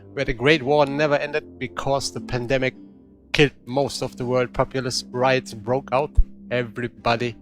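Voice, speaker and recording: A man talks through a game in loose, casual commentary, middle in pitch. He rambles and corrects himself as he goes, with faint music under his voice. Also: fairly bright tone. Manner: chatty, rambling, self-correcting. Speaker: gaming channel host.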